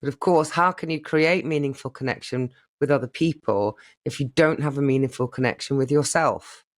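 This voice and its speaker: A man's voice: medium pitch, moderate pace. A man co-hosting a casual podcast chat, wry and philosophical, with self-mocking asides. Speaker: podcast co-host.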